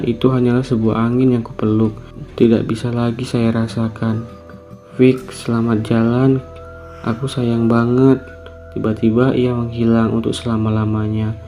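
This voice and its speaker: A man narrates a horror tale in a low, mellow voice that rarely rises or falls. His delivery is calm, subdued and reflective. Gentle guitar plays faintly underneath him. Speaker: storyteller. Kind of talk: narrating a true horror story.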